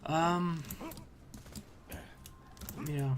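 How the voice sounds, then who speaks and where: Drawing out his words, a man with a somewhat high voice and fairly even intonation chats while streaming a game at his home computer, with a little hiss or hum audible. He rambles hesitantly, using many fillers and trailing off mid-sentence, his voice a little strained from extended talking.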